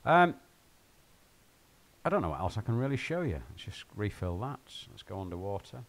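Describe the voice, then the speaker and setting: A man with a fairly low voice hosts a casual live game stream from home. He rambles and jokes with his viewers as he plays, drifting between chat and the game. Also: sing-song, normal speed. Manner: rambling, joking, talks to viewers while playing.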